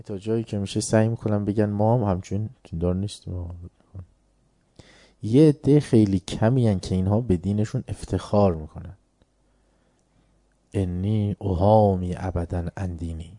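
Man, preacher, informal religious lecture, very dark mellow voice, dry close recording, rhetorical questions to listeners. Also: lowish voice, no room sound.

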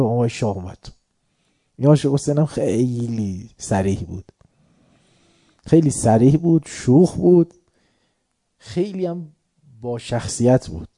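Brief: male speaker with a deep-toned, warm voice, spinning a lively story with chuckles. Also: gravelly, dry recording, clean studio sound. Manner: lively anecdotal telling, chuckling. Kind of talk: storytelling religious talk.

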